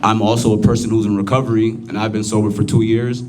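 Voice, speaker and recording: A man's voice: on the low side, little pitch movement, fast talker, heavy background noise. A young American man speaking earnestly to a youth gathering as a recovery advocate, plain-spoken with fillers. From United States.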